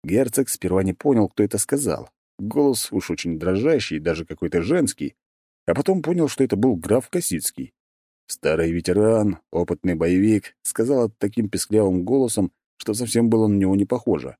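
A man reading an audiobook as narrator, with expressive storytelling. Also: on the low side, moderate pace, dry recording, studio quality. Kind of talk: scripted narration.

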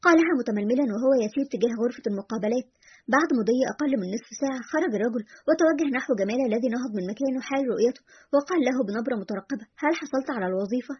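Rapid, breathy woman storyteller. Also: a little high, lively intonation. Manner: reads narration and voices the characters' dialogue. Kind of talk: dramatic story reading. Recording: dull lo-fi recording.

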